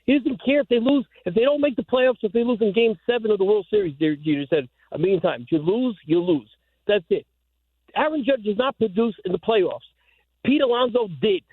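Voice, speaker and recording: A man's voice: sits high, brisk, dry recording. Man calling in over tinny car phone. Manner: insistent, stumbling restarts. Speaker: caller. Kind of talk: call-in on sports radio.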